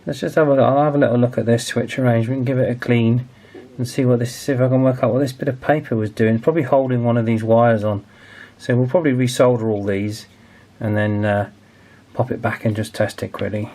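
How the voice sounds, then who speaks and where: Thinking aloud and sounding hesitant, a radio restoration hobbyist in his forties talks casually through a hands-on repair for his video. He speaks a little fast in a medium-pitched, steady voice with a warm tone.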